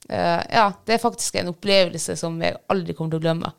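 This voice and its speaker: Lady chatting casually, gravelly low-ish voice but smooth, candid and laughing at herself a lot. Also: steady tone. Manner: candid, self-deprecating storytelling, laughs often. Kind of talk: casual chat.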